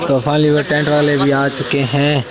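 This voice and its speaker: A man with a Saraiki accent chats to his viewers as he films a village gathering on a handheld phone. His voice sits a little high and stays casual and friendly in tone. The open air around him gives the sound a loose, outdoor feel. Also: completely flat delivery, normal speed, over a noisy crowd, poor audio. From Pakistan. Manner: chatty, addresses viewers directly. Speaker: vlogger. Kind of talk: casual vlog narration.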